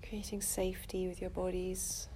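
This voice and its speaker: A woman leading a calm grounding exercise as a meditation guide, speaking softly and breathily with long soothing pauses. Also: fairly low pitch, slight background noise.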